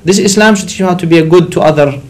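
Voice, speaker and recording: A man's voice: on the high side, very fast. Man from Iraq, studio religious guest, emphatic explainer. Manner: explanatory, rising emphasis on key points. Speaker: sheikh answering questions. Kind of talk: religious call-in discussion.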